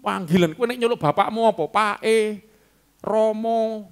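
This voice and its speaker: High-voiced pastor, animated preaching. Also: male voice, measured pace, clean tone. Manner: animated preaching, rising to emphatic peaks, mixing in Javanese words and chuckles. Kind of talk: sermon. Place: church sanctuary.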